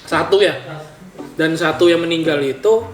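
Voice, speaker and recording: A man with a voice on the high side, talking at normal speed, hosts a podcast while eating, his mouth sometimes full. It's a casual chat over food, recorded in an echoey room with music behind.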